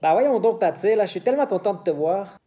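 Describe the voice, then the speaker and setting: A man putting on an imitated Quebec French accent, playing a cheerful, excited Québécois man who talks in loud, rapid exclamations. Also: high voice, voice pushed up.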